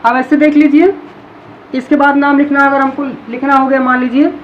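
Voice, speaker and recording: High-voiced woman teaching, dull recording. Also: flat delivery, a little hiss or hum. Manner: repeats example words slowly to drill them. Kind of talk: classroom-style explanation.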